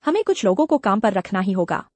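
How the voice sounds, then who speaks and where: A woman's voice: medium pitch, sing-song, fairly quick, a little mellow, no room sound. A woman dubbing a clever, confident young village woman in a drama. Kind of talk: dubbed drama acting.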